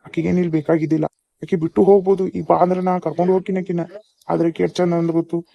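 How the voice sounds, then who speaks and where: Cartoon elder, calm and advising, North Karnataka accent, flat and dark; male actor. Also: high voice, very fast, vocal fry, highs cut off. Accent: North Karnataka Kannada. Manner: advising, steady. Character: older father-in-law, calm and wise. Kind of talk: cartoon voice acting.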